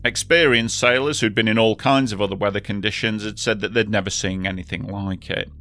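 A man narrating a history documentary in a steady, measured storytelling voice. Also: fairly low pitch. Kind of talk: scripted narration.

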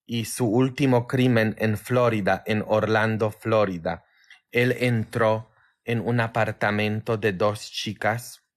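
A man from Poland with a Polish accent, a priest chatting casually with viewers on a livestream in a tired, low-key way. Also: fairly even intonation, takes it slowly.

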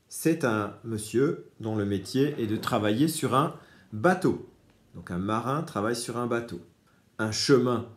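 Male teacher going slow and patient for little kids, leans on every key word, lowish voice. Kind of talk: reading lesson for young children.

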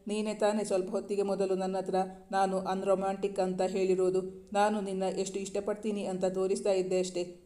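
A man's voice: high voice, completely flat delivery, a little fast, dark tone, close to an everyday voice. A man voicing a young male lover in a romance storybook, who teases and then speaks tenderly.

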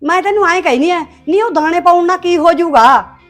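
Faint music plays behind an actress with an extremely high, brisk voice. In Punjabi with a Punjabi accent, she scolds and nags sharply as a harsh middle-aged stepmother in a village short film.

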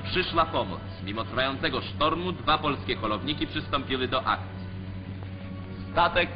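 A man's voice: medium pitch, animated, normal speed. Guy doing formal old 1940s newsreel narration, muffled lo-fi sound, music playing under it. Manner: formal, declamatory. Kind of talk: scripted newsreel commentary. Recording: dull lo-fi 1940s newsreel track.

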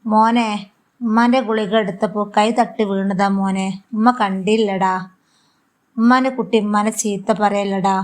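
Woman reading a meek old mother, pleading and soft, Malabar accent, storybook drama. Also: medium pitch, fairly even intonation, normal speed, natural voice. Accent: Malabar Malayalam. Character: gentle, tearful elderly mother.

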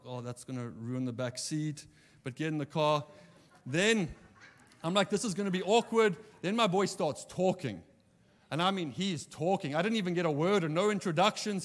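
High-voiced man preaching in a reverberant church. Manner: animated anecdote-telling, acting out quoted dialogue. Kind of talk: sermon storytelling. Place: church hall.

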